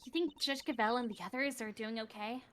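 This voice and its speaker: A woman reading game dialogue aloud on a stream in an eager, lively way. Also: a little high, brisk, slight background noise.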